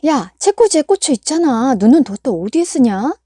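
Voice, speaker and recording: A woman's voice: medium pitch, animated, normal speed, no room sound, clean studio sound, close to an everyday voice. A woman voicing an exasperated mother who scolds her son. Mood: scolding. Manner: sharp, raised scolding.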